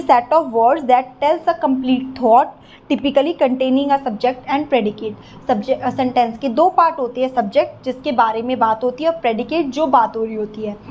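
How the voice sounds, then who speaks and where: A woman's voice: sits high, darkish tone, a little hiss or hum. A young Indian woman with an Indian accent, teaching in an explanatory exam-prep lecture and often checking in with her students.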